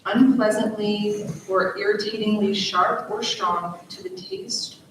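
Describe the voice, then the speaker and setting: A woman acting as a spelling bee pronouncer, reading out each word and its definition in a measured, formal way. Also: medium pitch, a little hiss or hum. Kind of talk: reading words and definitions aloud. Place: large echoey hall or auditorium. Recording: echoey hall recorded from far off.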